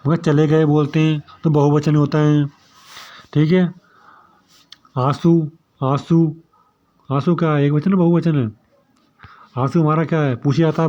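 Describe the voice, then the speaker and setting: A man's voice: on the high side, darkish tone. Man teaching grammar, dull lo-fi sound. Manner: repeats questions and answers them himself. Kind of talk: exam-prep grammar lesson.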